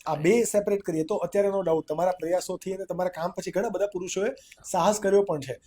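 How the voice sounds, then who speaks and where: A man hosting a podcast interview, calm and quick to nod along with short agreements. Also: high-pitched. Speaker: podcast host.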